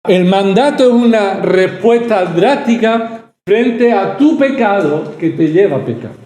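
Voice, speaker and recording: A man's voice: sits high, dark tone, roomy sound. A male pastor from preaching a sermon, pressing his points with rhetorical questions and repetition. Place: church hall.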